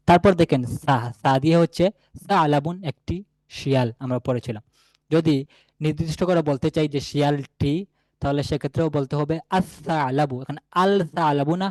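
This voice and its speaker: A man teaching a beginners' Arabic lesson, patiently repeating each example word slowly. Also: a little high, darkish tone, no room sound. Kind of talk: classroom lesson.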